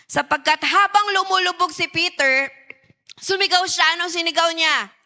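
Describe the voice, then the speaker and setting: Woman youth preacher, high voice, engages the crowd with questions. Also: moderate pace, pushed and bright. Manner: engaging, asks the audience questions. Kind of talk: sermon.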